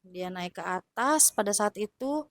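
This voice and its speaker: A woman recounting her time as a flight attendant in a casual, halting way with many fillers. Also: mid-range voice, animated, dry recording. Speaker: former flight attendant guest. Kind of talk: casual storytelling.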